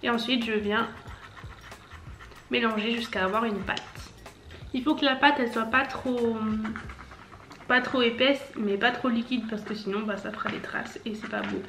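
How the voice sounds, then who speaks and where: A woman's voice: a little high, normal speed, long pauses, fairly bright tone, a little hiss or hum. A woman in her twenties, a makeup vlogger chatting casually and explaining each step as she goes. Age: 20s. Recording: echoey room, faint background music.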